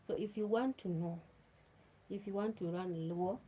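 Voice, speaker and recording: A Kenyan woman whose first language is Luo hosts a livestream, chatting casually to viewers, addressing them directly and repeating herself. Her voice is medium-pitched and dark, at a moderate pace, on a low-quality recording with a little hiss or hum.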